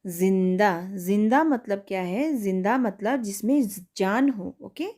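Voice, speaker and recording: A woman teaching young children online, sounding out words slowly and asking questions she answers herself. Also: mid-range voice, warm tone. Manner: slow, carefully spelled-out pronunciation drills. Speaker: primary school teacher.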